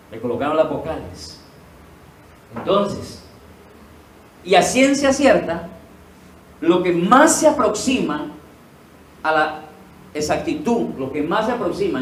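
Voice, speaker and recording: The recording catches a male pastor from a distance in an echoey room, with faint ambience and a little hiss or hum. Speaking in a high voice, he teaches by asking the congregation questions, answering them himself and repeating important words for emphasis.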